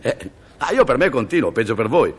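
Animated man telling jokes. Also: medium pitch, a little fast, slightly rough. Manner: chatty, laughing between jokes. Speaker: joke teller. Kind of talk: comic joke-telling monologue.

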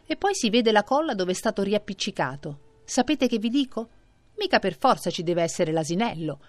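A woman voicing a bossy, hasty aunt who talks with brisk scorn in a children's story. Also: medium pitch, very animated, no echo, natural voice. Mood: scornful.

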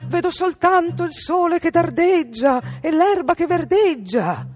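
A woman puts on a young girl calling down from a tower in a bright, high, sing-song voice, drawing out her words. It is a radio storybook reading with a lively melody. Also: a little slow, full character voice. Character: young sister keeping watch from a tower.

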